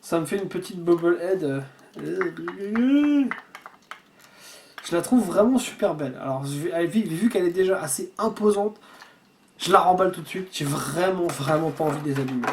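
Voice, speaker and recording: A man's voice: on the high side, brisk, darkish tone, slight background noise. A man chatting casually while unboxing a subscription box at home, rambling and swearing freely. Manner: rambling with frequent restarts.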